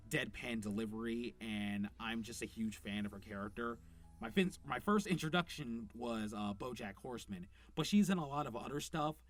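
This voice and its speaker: This voice actor, who performs characters himself, rambles excitedly about a show he's reviewing, with lots of filler words and no script. His voice sits in the mid range with a fairly bright tone.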